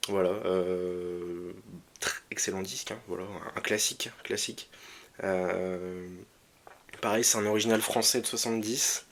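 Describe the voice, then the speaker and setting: A man casually presenting his record collection, hesitant with many fillers and restarts, enthusiastic about the music. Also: on the low side. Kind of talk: casual vlog talk.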